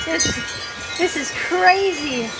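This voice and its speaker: A woman giving excited, exclamatory live storm commentary outdoors in strong desert wind, repeating short phrases in awe. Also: very high voice, takes it slowly. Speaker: storm vlogger filming. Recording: loud wind noise buffeting the microphone.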